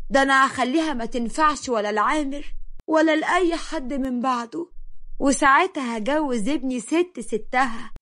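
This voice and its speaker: Woman playing a bitter Egyptian mother-in-law, slow, high voice. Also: a bit bright. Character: spiteful scheming mother-in-law, middle-aged.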